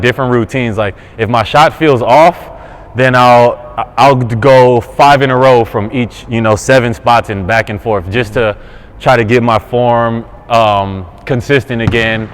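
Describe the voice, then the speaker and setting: A man in his thirties from California, a basketball player talking casually as an interview guest, relaxed and full of fillers. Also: medium pitch, measured pace, clear, resonant tone. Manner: relaxed, easygoing, many fillers and restarts. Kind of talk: casual interview while shooting around. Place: indoor basketball court.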